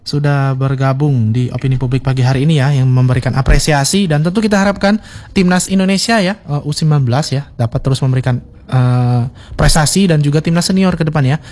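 A man hosting a call-in radio program, taking listeners' calls with a polite, steady manner. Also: fairly high pitch, quick pace. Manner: polite, steady, frequent "oke, baik". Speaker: radio host.

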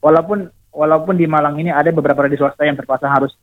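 Brief: talkative man in his forties, fast and fairly high, phoning in, lo-fi phone sound. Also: steady tone. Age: 40s. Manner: chatty, rambling with many fillers. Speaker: radio listener guest. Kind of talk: phone interview. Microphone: phone call. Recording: tinny phone line.

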